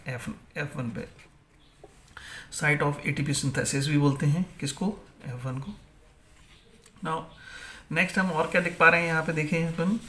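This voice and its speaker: A man's voice: fairly high pitch, fairly bright tone, slight background noise. Man teaching, asking and answering. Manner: asks questions and answers them himself; mixes English terms into Hindi. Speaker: biology teacher. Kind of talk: exam-prep lecture.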